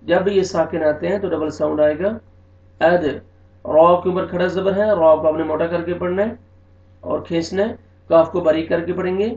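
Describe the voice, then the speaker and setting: A man teaching tajweed, slowly drawing out recited words and then explaining the pronunciation rules more plainly. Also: a little high, steady tone, a little mellow. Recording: echoey, distant, dull recording.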